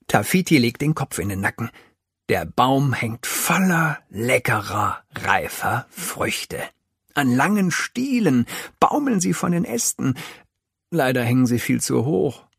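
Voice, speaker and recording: Slow, husky man reading a kids' story. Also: medium pitch, big pitch swings, dry recording, studio quality. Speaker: narrator. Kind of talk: children's audiobook reading.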